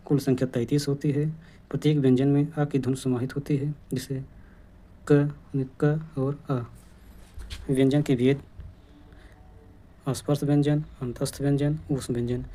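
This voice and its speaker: A male teacher giving an exam-prep grammar lesson, listing terms in a steady, dictation-like way. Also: mid-range voice.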